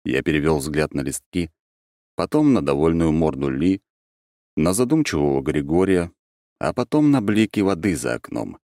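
A man narrating an audiobook in the first person, in an ironic, expressive storytelling manner. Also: a bass voice, moderate pace, no room sound, clean studio sound.

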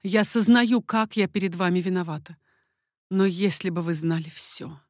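A woman's voice: fairly low pitch, moderate pace, dry recording, clean studio sound, lightly acted. A woman voicing an anxious young baroness in an audiobook, pleading urgently.

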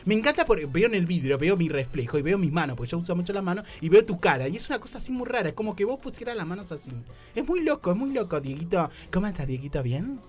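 A man's voice: high-pitched, sing-song, quick pace, faint music behind. A man with an Argentine accent hosting a comic radio talk show in a flamboyant, camp, theatrical manner. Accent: Argentine Spanish. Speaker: radio host.

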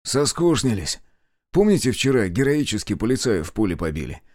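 A man voicing a weary, hoarse scout lieutenant who reports matter-of-factly. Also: lowish voice, big pitch swings, fairly quick, a little mellow, dry recording, clean studio sound. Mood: grim.

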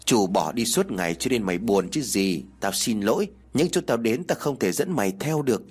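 A man's voice: lowish voice, expressive, moderate pace, a little mellow, slightly rough. A man playing a carefree young student. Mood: coaxing. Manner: casual, pleading, talks to his dog. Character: carefree young male student, the drinking hero.

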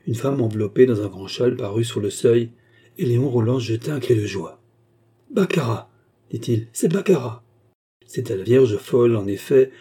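Dark, husky male audiobook narrator. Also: medium pitch. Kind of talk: scripted narration.

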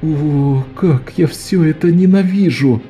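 A man's voice: medium pitch, animated, normal speed, warm tone, faint music behind, natural voice. A man voicing Jean, a blunt, protective adult male thief, firm and commanding. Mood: shaken.

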